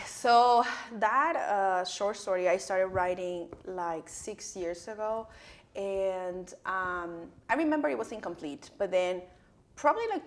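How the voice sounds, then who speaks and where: Honduran woman author giving interview answers. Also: lowish voice. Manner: hesitant, many fillers and restarts. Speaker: author and professor, interview guest.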